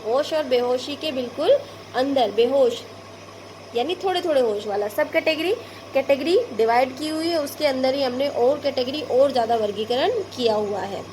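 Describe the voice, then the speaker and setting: A woman's voice: high-pitched, darkish tone, slight background noise. A woman teacher with an Indian Hindi accent, patiently explaining word prefixes to young pupils, repeating each example. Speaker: school English teacher.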